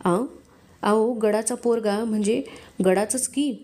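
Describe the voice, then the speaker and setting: A woman voicing a rough, suspicious male fort guard who speaks in blunt rustic village dialect. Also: on the high side, steady tone, slow, a little mellow.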